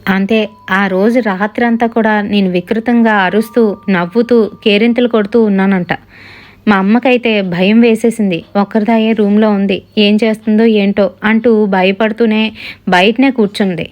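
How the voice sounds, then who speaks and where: A woman's voice: medium pitch, fairly even intonation, normal speed, darkish tone. A woman narrating a first-person horror story, acting out family members' lines dramatically.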